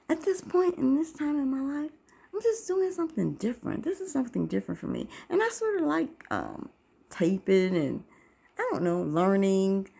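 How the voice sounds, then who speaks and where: With a lowish, creaky voice, dark in tone and edged with breathiness, a woman in her fifties talks to camera on her own channel. She's talkative and musing, rambling casually through faith-centered thoughts.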